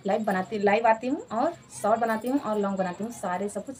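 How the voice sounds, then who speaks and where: A woman's voice: mid-range voice, quick pace, darkish tone, slight background noise. A woman in her thirties chatting casually in a home vlog, repeating herself and laughing often. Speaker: vlogger.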